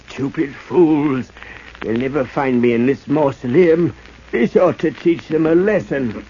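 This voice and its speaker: Muffled old 1940s radio, guy doing a crazy gloating villain, high slow voice, very theatrical and halting. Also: mellow, a little hiss or hum, natural voice. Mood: gloating, scornful. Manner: theatrical, halting, cackling madman. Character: deranged villainous old-time wax artist, gloating and grandiose.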